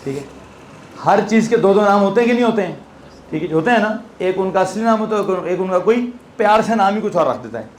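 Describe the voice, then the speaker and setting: Male physics teacher, Pakistani Urdu accent, high voice, chatty, quizzes his class with playful asides, faint room ambience. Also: animated, brisk, a little hiss or hum. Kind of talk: classroom lecture.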